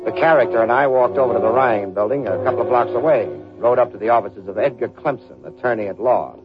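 A man's voice: mid-range voice, fast talker, over music, lightly acted. An actor playing a tough, sardonic, wisecracking male private detective in slangy 1940s radio drama style. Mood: wry narrating. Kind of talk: 1940s hardboiled radio acting and narration. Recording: dull lo-fi old radio recording.

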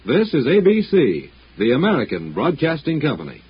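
A man reading formal network announcements in a measured voice, heard as an old radio broadcast transcribed on disc. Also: on the high side, huge pitch swings, slightly rough, highs cut off. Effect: old broadcast disc sound.

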